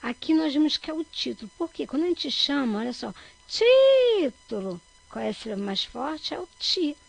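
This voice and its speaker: A woman from Brazil, a teacher, giving a recorded grammar lesson for children. She checks in often with her listeners and stretches out key words loudly to stress their syllables. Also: high voice, lively intonation, fast, vocal fry, no room sound, poor audio. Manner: checks in with frequent "tá bom?".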